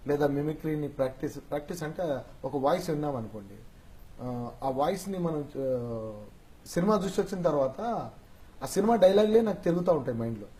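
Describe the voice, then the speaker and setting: Animated, higher-voiced man explaining his craft. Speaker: mimicry artist. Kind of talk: casual interview chat.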